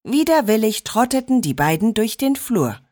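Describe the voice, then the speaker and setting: A woman narrating a children's story in an expressive storytelling manner. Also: on the high side, moderate pace, no echo, clean studio sound.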